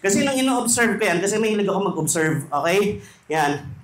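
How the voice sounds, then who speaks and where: A man's voice: sits high, lively intonation, fairly quick. A man with a Filipino accent giving a jokey conference talk, asking the audience questions. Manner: jokey, asks the crowd questions. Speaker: speaker at a youth conference. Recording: echoey hall, faint noise.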